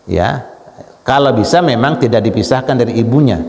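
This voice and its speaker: A male Islamic preacher giving a dawn sermon in a mosque, emphatic, jumping up high on the words he stresses and weaving in Arabic phrases. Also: normal speed, creaky, darkish tone. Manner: emphatic, leaps to high pitch on key words, mixes in Arabic. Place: mosque hall. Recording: echoey mosque hall with long reverb.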